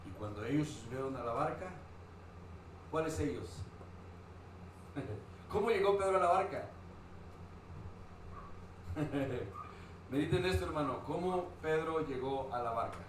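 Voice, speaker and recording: Male preacher, fairly high voice, booming hall echo, asks the congregation questions. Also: animated, measured pace, pauses often, distant mic. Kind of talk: sermon. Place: church hall. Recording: very echoey church hall, faint noise.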